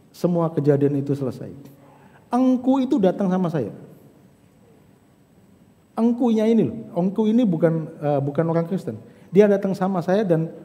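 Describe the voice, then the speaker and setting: A male pastor preaching a sermon, speaking straight to his congregation and moving between hushed, slow passages and fervent, rising ones. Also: sits high. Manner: addresses congregation directly, swings from hushed to fervent. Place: church service. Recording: church hall reverb.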